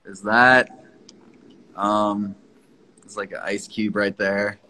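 A man's voice: on the low side, fairly even intonation, takes it slowly, pushed and bright, slight background noise, low-quality recording. A man hosting a casual livestream from his phone, joking around and swearing freely with viewers who join the stream. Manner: swears a lot, loose and jokey. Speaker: livestream host.

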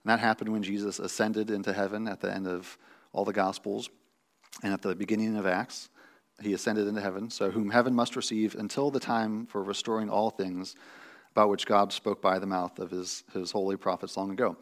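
A man's voice: lowish voice, flat delivery, fairly quick. Man giving a conversational sermon. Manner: conversational teaching with frequent restarts and fillers. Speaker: pastor. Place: church sanctuary with a stage.

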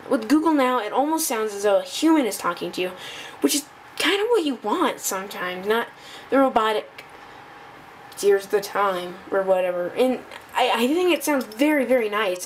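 A woman presenting a casual tech demo off the cuff, halting and thinking aloud as she goes. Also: a little high, rough recording. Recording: noticeable background noise.

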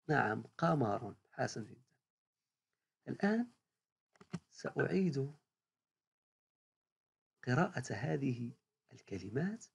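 Husky primary teacher with a gravelly edge, drawn-out pace, encouraging drill style for a reading lesson. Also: mid-range voice, a little mellow. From Morocco. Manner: slow, repeats words, praises each answer. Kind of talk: recorded reading lesson for young pupils.

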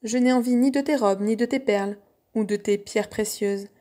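A woman voicing an insistent frog in a fairy tale, in a high, sing-song calling voice. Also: moderate pace, warm tone, lightly acted. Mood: coaxing.

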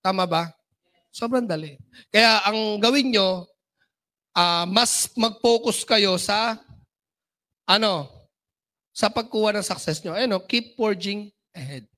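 A man giving a motivational seminar talk as a business trainer, animated and often asking the audience for agreement. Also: high-pitched, slow, long pauses.

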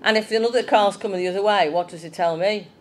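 A woman's voice: mid-range voice, quick pace, slight background noise. A woman giving a chatty children's talk in church, asking the young ones questions.

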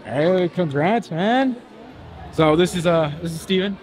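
A young man vlogs casually in a busy indoor convention hotel hall, upbeat and chatty as he rates a cookie aloud. His voice sits high with lively intonation and a measured pace, with crowd chatter and faint music behind him.

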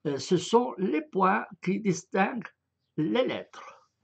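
Male lecturer, very slow and halting, gravelly, pitch wanders widely, explains step by step. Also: big pitch swings. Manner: hesitant, frequent filler sounds and restarts; spells out letter sounds one by one. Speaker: lecturer on Arabic script.

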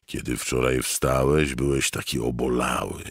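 A man voicing the slow, hushed, accusing inner voice of a haunted man in an audiobook. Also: rumbling low, fairly even intonation, gravelly, husky, dry recording, studio quality, exaggerated voice. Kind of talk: audiobook narration.

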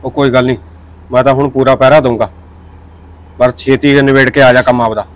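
A man playing an older, secretive village father in a short film, talking calm and gruff. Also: mid-range voice, fast, lightly acted, poor audio. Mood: scheming. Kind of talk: Punjabi short film acting.

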